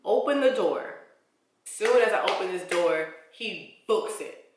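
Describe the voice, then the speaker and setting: A woman's voice: mid-range voice, measured pace, background noise. A young woman vlogger telling a personal story in a casual, slangy way, full of "like"s. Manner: expressive, slangy storytelling with many "like"s. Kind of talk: storytime vlog. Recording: echoey room.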